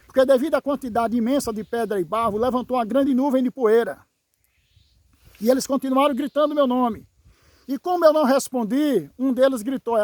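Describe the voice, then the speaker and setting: High-voiced man testifying. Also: a little mellow, no echo. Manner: emphatic, repeats phrases, dramatic pauses. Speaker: evangelical brother giving a testimony. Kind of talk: dramatic spoken testimony.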